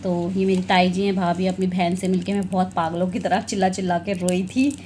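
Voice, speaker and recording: A woman's voice: lowish voice, flat delivery, a little fast, a little mellow, a little hiss or hum. A young woman vlogging in casual chat as she shows her wedding album, laughing now and then between remarks.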